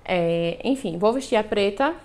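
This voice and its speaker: In her apartment living room near the balcony window, a young woman tries on clothes for a casual haul vlog, wearing a clip-on lapel mic. She talks straight to her viewers, full of cute diminutives, in a slightly mellow, medium-pitched voice with lively intonation and an unhurried pace.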